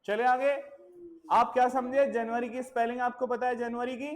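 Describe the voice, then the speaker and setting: A woman's voice: a little high, little pitch movement, normal speed, rough recording. A woman teaching a classroom of children, patiently repeating words to drill pronunciation and mixing English phrases into her Hindi. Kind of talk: classroom lesson. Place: village school classroom.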